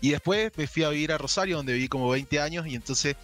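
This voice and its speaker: A man in his forties with a mixed Argentine and Chilean accent, chatting as a podcast guest over a remote call, relaxed and jokey, swearing casually, with faint music behind. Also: a little high, quick pace.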